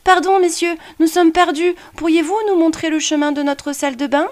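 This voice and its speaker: A woman voicing an excited, wide-eyed little boy with a very high, eager voice. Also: brisk.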